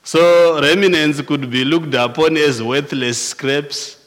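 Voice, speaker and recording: Delivering a sermon at an unhurried, measured pace, a male pastor with a Zimbabwean accent keeps restarting and repeating words partway through phrases. His voice is fairly high and a bit bright, with fairly even intonation and a long church-hall reverb.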